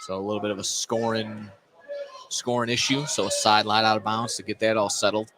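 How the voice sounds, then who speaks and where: Calling a basketball game live on radio, this American man speaks in a low, brisk voice with little pitch movement. He's in an indoor sports gym, and a crowd can be heard behind him. The recording carries loud gym noise and game ambience.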